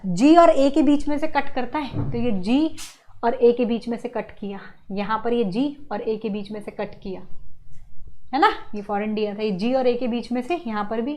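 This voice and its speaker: A woman teaching biology for an exam-prep course, mixing in English and repeating key lines slowly for her students. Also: high voice. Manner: addresses students as beta. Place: classroom studio at a screen.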